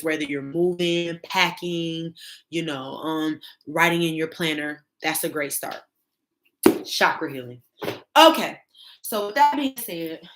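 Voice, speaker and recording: A woman of thirty with a low voice talks casually as a tarot reader. She hesitates a lot, with many fillers and restarts as she works through her thoughts. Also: fairly bright tone, low-quality recording. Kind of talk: casual spiritual vlog chat.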